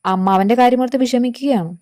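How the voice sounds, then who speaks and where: A woman voicing a calm, firm, protective wealthy young husband in a storybook narration. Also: very high voice, fast talker. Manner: quiet and firm.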